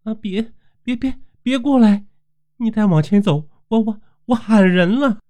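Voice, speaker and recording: A man doing a shrill young village woman. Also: unhurried. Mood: terrified. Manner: shrill, stammering and shouting. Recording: dull lo-fi recording.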